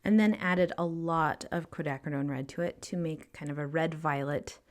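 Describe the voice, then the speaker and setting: A young woman narrating a painting tutorial voice-over, breathy and out of breath, explaining calmly with frequent ums. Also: low-pitched, moderate pace. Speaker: art instructor.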